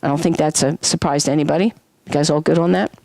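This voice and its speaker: Woman music teacher lecturing a class, lowish voice, dry sound, keeps quizzing the students. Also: quick pace, creaky, dry recording. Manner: lively, sings solfege and vocal sound effects to demonstrate; asks the class frequent questions. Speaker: music instructor.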